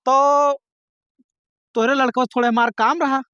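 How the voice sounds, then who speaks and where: A man's voice: very high voice, steady tone, measured pace, bright, forceful tone, clear, resonant tone, no echo, exaggerated voice. Muffled dry sound, a man acting village creditor, Awadhi accent, pushy, argumentative, comedy skit. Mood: insistent, indignant. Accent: Awadhi, eastern Uttar Pradesh. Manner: insistent, argumentative. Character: insistent village moneylender demanding repayment, a man. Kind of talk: amateur village comedy sketch.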